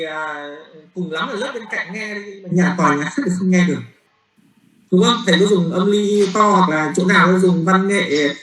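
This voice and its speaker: Guy teaching physics, bright voice, keeps asking if the class gets it, roomy classroom echo. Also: high voice. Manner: explains step by step, often checks with the class, repeats words while thinking. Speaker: university physics lecturer. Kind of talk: classroom lecture.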